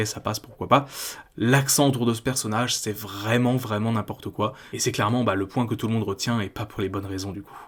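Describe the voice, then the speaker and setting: Critical French-speaking man, video essay. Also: medium pitch. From France. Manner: critical, conversational, frequent "bah" fillers. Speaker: YouTube host.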